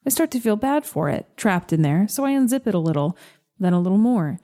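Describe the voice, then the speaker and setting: A woman narrating a first-person story in a slow, gentle, measured reading. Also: medium pitch, very animated.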